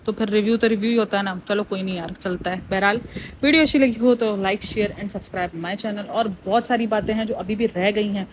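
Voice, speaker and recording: A woman from Pakistan runs her own reaction channel, talking casually and bluntly to her viewers. Her voice sits at an ordinary middle pitch, and she speaks her opinions straight out. A faint hiss of background noise sits under the recording. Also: steady tone, quick pace. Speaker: reaction YouTuber.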